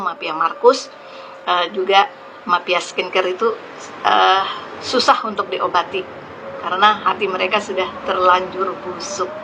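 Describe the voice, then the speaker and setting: A woman gives an earnest, indignant statement of her opinion online, pausing often to hesitate and search for words. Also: medium pitch, background noise.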